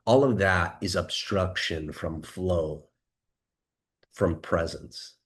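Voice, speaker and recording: A man coaching listeners, talking calmly and leading them through a slow guided breathing exercise with many questions. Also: low-pitched. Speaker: dating and confidence coach.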